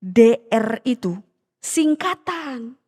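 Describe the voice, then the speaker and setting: A woman's voice: a little high, very animated, drawn-out words, a little mellow, big-room sound, pitched below the performer's own voice, heavily acted. A woman preacher voicing a sly, boastful former minibus driver with a Medan accent, exclaiming and whispering conspiratorially.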